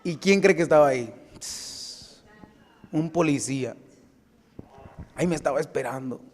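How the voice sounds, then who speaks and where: An American pastor with a slightly high voice tells a personal story during his sermon at a moderate pace. His lively, anecdotal preaching builds to emphatic exhortation, and the church sanctuary gives the recording a long, hall-like reverb.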